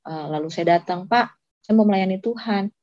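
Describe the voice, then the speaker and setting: A woman's voice: mid-range voice, normal speed, a little mellow, dry recording. A woman telling her personal testimony in an earnest, emotional way. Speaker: testimony giver. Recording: slightly dull lo-fi audio.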